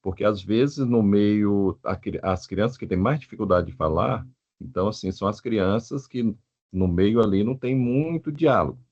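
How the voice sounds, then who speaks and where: A man's voice: lowish voice, normal speed, a little mellow, dull audio. A Brazilian man taking part in a training session, answering hesitantly as he thinks aloud. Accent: Brazilian Portuguese. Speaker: workshop participant. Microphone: video call.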